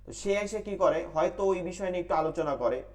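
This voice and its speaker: প্রশ্ন করে নিজেই উত্তর দেওয়া পুরুষ কুরআন শিক্ষক. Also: male voice, a little high, lively intonation, very fast, a little mellow. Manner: asks questions and answers them himself, repeats rules in a drill. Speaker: Quran recitation teacher. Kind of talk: online tajweed class.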